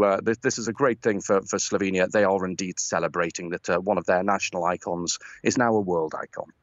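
A man from Liverpool reports to a radio programme from another city. He is wry and hesitant and uses plenty of fillers. His voice sits a little low and comes through a dull, muffled remote line. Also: no echo. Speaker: correspondent.

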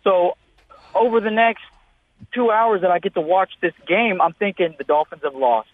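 A man's voice: high voice, moderate pace, no echo. A man in his thirties calling into a radio show over the phone, telling a rambling story full of fillers. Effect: phone-line caller on a radio show. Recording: tinny phone line, dry.

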